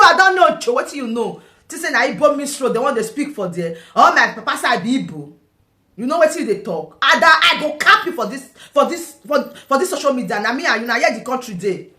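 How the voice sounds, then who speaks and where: A woman's voice: sits high, pushed and bright. A Nigerian woman commenting on a vlog, combative and taunting, firing off rhetorical questions. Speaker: online political commentator. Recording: echoey room.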